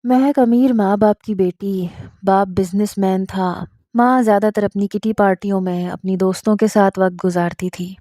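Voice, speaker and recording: A woman narrating a first-person romantic story in a steady, scripted reading style. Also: medium pitch, dry recording, studio quality.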